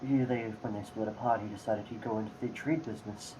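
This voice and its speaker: A man's voice: fairly low pitch, fairly even intonation, fast, mellow, slight background noise, close to an everyday voice, rough recording. A man voicing a chatty male shopkeeper who rambles and hesitates with many ums.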